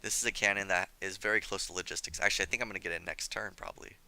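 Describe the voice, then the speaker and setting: A slightly hoarse young man commenting on his strategy game as he plays, chatty and scolding himself for his mistakes. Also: deep voice, steady tone, rapid-fire, sharp tone. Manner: self-critical, chatty, thinking aloud. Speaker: gameplay commentator. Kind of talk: let's play commentary.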